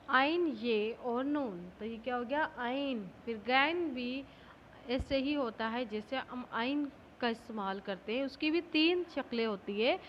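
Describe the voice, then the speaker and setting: Slow, patient woman teacher. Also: on the high side, muffled recording, a little hiss or hum. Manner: patient, repeats each point, asks and answers itself. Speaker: school teacher. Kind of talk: slow classroom lesson with questions.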